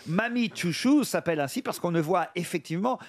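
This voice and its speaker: A man's voice: high voice, expressive, a little fast, soft background music. A man explaining at length on a radio panel, with chatty asides. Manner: explanatory, often laughing at his own lines. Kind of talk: casual radio panel chat.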